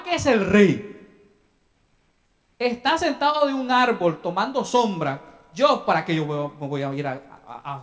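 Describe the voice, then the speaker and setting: A young man from El Salvador preaching a sermon as a pastor in a church, talking to the congregation with questions and acted-out asides. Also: very high voice. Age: young adult. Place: church sanctuary.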